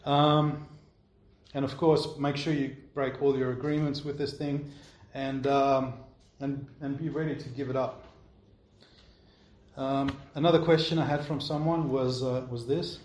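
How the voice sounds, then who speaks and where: A man's voice: medium pitch, flat delivery, measured pace, darkish tone, slight background noise. A man preaching a sermon, answering questions from the congregation in a conversational way and often checking in with his listeners. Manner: conversational, keeps checking in with "all right?". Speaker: pastor. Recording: roomy echo.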